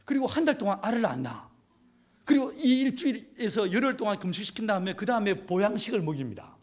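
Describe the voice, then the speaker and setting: A man's voice: high-pitched, big pitch swings, fast. A middle-aged man preaching a humorous sermon at a youth retreat, telling stories with playful laughter. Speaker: pastor.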